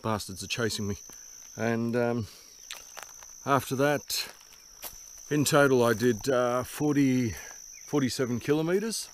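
A man's voice: mid-range voice, slow. Casting: man in his sixties, broad Kiwi accent, casual outdoor vlogger, dry and sweary, faint background noise. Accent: broad New Zealand. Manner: laid-back, dry humour, casual swearing. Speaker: solo bicycle touring vlogger. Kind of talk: casual rambling vlog. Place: outdoors in open bushland.

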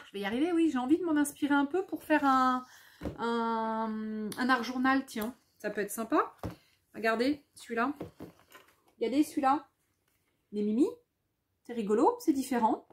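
A woman talks through a craft haul at an unhurried pace. Her voice sits high, and she often repeats a word while she thinks aloud over the papers. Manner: chatty, thinks aloud, repeats words, reads English labels slowly. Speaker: scrapbooking vlogger. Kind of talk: casual haul chat, showing products.

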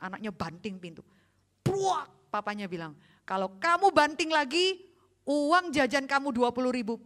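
A woman pastor with an Indonesian accent, preaching a sermon and telling family stories with lively acted-out quotes. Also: medium pitch.

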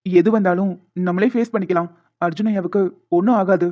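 A woman voicing a young man in an animated cartoon, an affectionate, teasing fiancé who coaxes and reassures his bride-to-be. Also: fairly low pitch, brisk, highs cut off, lightly acted. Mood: reassuring. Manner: playful, coaxing, reassuring.

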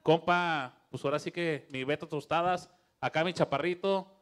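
A man with a Mexican accent hosting a comedy talk show, loud and hyped as he talks up the guests. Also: fairly high pitch, normal speed. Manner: loud and hype. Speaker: show host.

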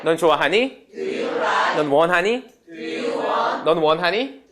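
A man's voice: a little high, animated, takes it slowly, a loud crowd. A man teaching a beginner English class, prompting students and drilling phrases. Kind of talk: lively classroom lecture.

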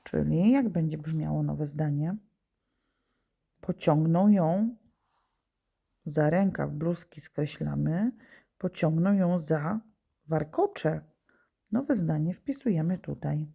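Her voice is deep, mellow, gravelly and slightly rough, and she speaks slowly with frequent pauses. This primary school teacher patiently teaches young pupils remotely, asking and answering her own questions.

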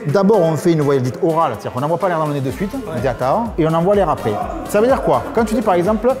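A man in his forties with a Marseille accent teaches in a colloquial, explanatory way. His voice sits fairly high and moves quickly, with music behind it. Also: animated. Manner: colloquial, demonstrates sounds as he explains. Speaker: language teacher. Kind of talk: informal explanatory master class. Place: large café room.

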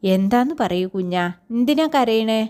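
A woman voicing a gentle worried teacher. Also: a little high, expressive, smooth. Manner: soft, coaxing questions, slow. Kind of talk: storybook reading.

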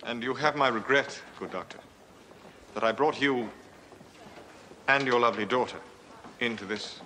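A man plays a courteous gentleman just acquitted and still shaken. He speaks formally and gratefully in a bright, clear tone. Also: mid-range voice, normal speed, slight background noise, lightly acted. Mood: earnest. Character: earnest, shaken male prisoner just freed.

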